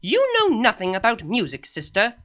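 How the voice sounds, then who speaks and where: A woman's voice: medium pitch, huge pitch swings, moderate pace, fairly bright tone, pitched above the performer's own voice. A woman voicing a blunt, proud alicorn princess with a matter-of-fact, slightly pompous delivery. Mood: smug.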